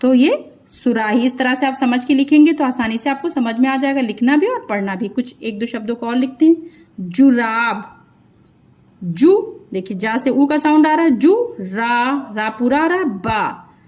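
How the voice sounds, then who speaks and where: A woman teaching young children to read, sounding out each syllable and repeating words slowly, with questions to the viewer. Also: fairly high pitch, lively intonation, darkish tone. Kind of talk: slow children's phonics lesson.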